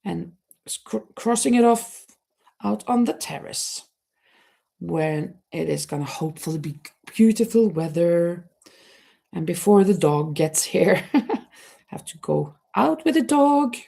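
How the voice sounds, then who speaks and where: Livestreaming from home beside a terrace, this middle-aged woman from Norway chats and reads out comments from viewers, laughing often and restarting words. Her voice is lowish, creaky and slightly rough with a warm tone. She sounds animated but unhurried, leaving long pauses.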